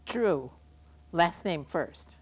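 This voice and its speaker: A woman's voice: on the low side, animated, extremely slow, breathy edge, heavily acted. A woman playing a confident quiz contestant who explains her answers in a matter-of-fact way.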